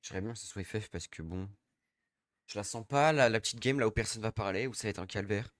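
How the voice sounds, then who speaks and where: A man's voice: lowish voice, fast, a bit bright, no room sound. Grumbling young man streaming a shooter. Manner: grumbling, slangy, talks to himself and teammates. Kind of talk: casual gaming stream chat.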